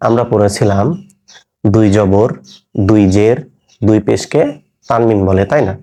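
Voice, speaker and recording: A man's voice: lowish voice, steady tone, unhurried, mellow. A man teaching a Quran reading class, patiently explaining and repeating letter sounds step by step. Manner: patient, step-by-step explaining with drilled pronunciation examples. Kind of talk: recorded online lesson.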